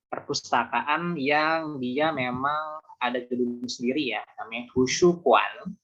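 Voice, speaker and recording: A man's voice: mid-range voice, a bit bright. Patient man teaching over a video call. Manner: patient, explains slowly with repeated examples. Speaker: Mandarin teacher. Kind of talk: online class teaching. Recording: muffled video call audio.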